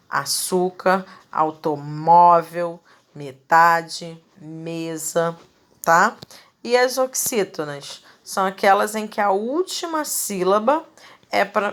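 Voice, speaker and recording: A woman's voice: medium pitch, fairly bright tone. A woman teacher giving a recorded grammar lesson, enunciating example words carefully and checking in with her students in a friendly way. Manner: friendly, checks in with "tá bom, gente?".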